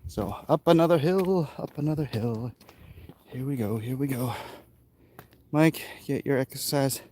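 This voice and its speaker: A middle-aged American man, a vlogger and artist, rambles casually to viewers in an unhurried, dark, mid-range voice. He's winded from walking uphill through hilly residential streets, and he stays offhand and self-deprecating as he exerts himself. The outdoor recording is noisy, with clicks.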